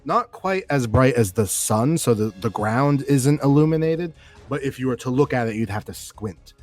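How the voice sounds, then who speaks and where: A man acting as game master, narrating scenes in a loose, rambling way and laughing often, with soft music in the background. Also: mid-range voice. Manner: giggly, loose, rambling descriptions.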